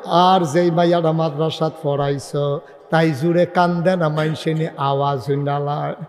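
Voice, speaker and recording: A man preaching a humorous sermon story, sing-song and bursting into shouts. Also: on the high side, fairly even intonation, normal speed. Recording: echoey hall with long reverb.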